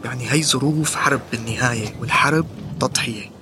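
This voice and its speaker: A man's voice: mid-range voice, fast talker, background noise, close to an everyday voice. A man playing a defensive Syrian passenger who argues for the checkpoint, with a Syrian Arabic accent. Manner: defensive, argumentative.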